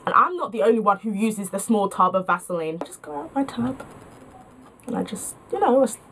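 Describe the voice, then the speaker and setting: A woman's voice: mid-range voice, lively intonation, brisk, a bit bright, slight background noise. A young woman vlogging, telling stories in a chatty, self-mocking way with lots of filler words. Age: young adult. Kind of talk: casual storytelling to camera.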